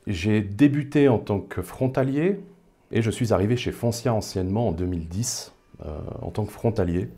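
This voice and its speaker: A man's voice: on the low side, moderate pace, warm tone, slightly rough. A man in his thirties, from the Paris suburbs, talking casually as an interview guest, thoughtful, with many hesitations. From Paris suburbs, France. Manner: thoughtful, hesitant with frequent fillers.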